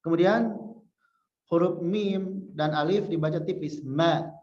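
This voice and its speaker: Slow, patient male religious teacher. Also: a little high, darkish tone. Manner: patient, repeats syllables to demonstrate pronunciation; chants example verses slowly. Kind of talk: Quran recitation lesson. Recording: echoey room, dull lo-fi sound.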